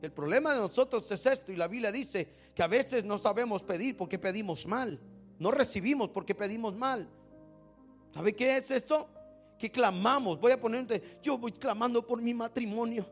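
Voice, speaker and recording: A male pastor delivering a sermon in a very high voice, with soft music under his words. He tells stories quietly, then builds to emphatic rising bursts. He acts out prayers and keeps asking the congregation rhetorical questions. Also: moderate pace.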